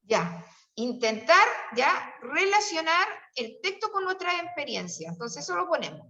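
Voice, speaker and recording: Chilean lady teacher, high voice, patient, keeps quizzing the kids, kinda far off and muffled. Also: sing-song, a little slow, bright, forceful tone. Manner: patient, questioning, coaxing students. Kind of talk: classroom teaching. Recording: distant, roomy and dull-sounding.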